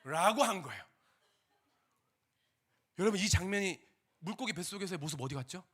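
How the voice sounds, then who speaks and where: A young man preaching a sermon, animated and theatrical, dropping to whispers and rising to shouts as he acts out scenes. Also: sits high, fairly quick, slightly rough.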